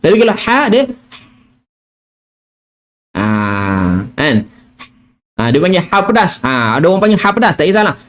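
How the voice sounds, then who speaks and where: Very animated yet unhurried, with long pauses, a middle-aged man with a Malaysian Malay accent teaches a casual live tajwid lesson. His voice is on the high side and fairly bright, and he's a Quran recitation teacher who chats freely with "kan?" and "ah," occasionally whispering or chanting letter sounds as demonstrations.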